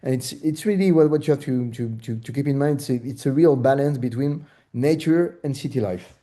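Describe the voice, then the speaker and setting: A man's voice: medium pitch, fairly quick, warm tone. A man from France with a French accent, presenting his local property market on a video call, hesitant with many fillers and restarts. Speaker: real estate broker presenting his market.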